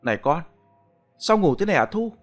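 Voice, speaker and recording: A man's voice: sits high, big pitch swings, fairly quick, faint music behind, pitched above the performer's own voice. A man voicing an older grandmother with a fussy, scolding manner.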